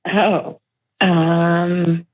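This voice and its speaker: A woman's voice: on the low side, flat delivery, drawn-out words, no echo, phone-quality sound. A woman heard over the phone on a radio call, hesitant and full of fillers. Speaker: caller reached by phone. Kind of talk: casual phone conversation.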